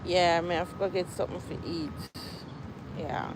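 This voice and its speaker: Walking across a campus, a Jamaican-accented woman hosts a casual livestream chat, out of breath and sighing now and then. She speaks at a moderate pace in a lowish voice with fairly even intonation, over noisy outdoor ambience that includes traffic.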